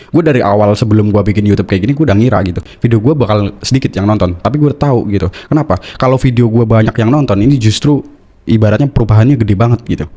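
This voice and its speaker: Fast, blunt Indonesian finance YouTuber man. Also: fairly low pitch, warm tone. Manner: blunt, scolding, slangy, tags lines with "gitu". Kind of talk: blunt casual monologue.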